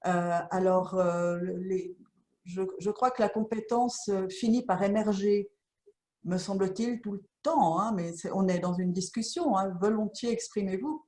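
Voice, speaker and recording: A woman moderating an online meeting, handing the floor briskly and encouraging others to speak. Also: medium pitch, dark tone. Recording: echoey room sound.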